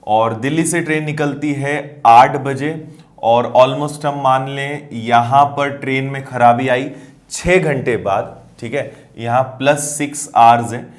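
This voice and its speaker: A man's voice: mid-range voice, steady tone, slow pace. A man teaching maths, explaining word problems step by step and checking that students follow. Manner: explanatory, checks understanding with questions. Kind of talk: explaining math problems on a board.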